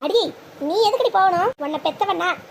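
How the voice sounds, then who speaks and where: A domineering cartoon matriarch, voiced very high, who lashes out with harsh, threatening scolding. Her shrill, piercing voice is backed by a faint hiss. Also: expressive, brisk, creaky, full character voice. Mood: indignant. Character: domineering mother and family matriarch.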